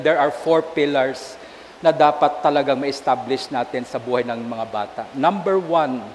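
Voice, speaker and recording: Filipino man, bishop's sermon, high voice, long church echo, faint hiss. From Philippines. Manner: animated storytelling, asks the congregation "Amen?". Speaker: bishop preaching a homily. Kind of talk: sermon mixing Tagalog and English. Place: large church.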